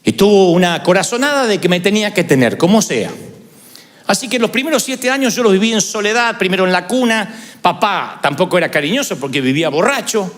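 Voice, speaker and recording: A man pastor, preaching a sermon with animated, humorous storytelling and mimicked voices. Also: high voice, a little fast.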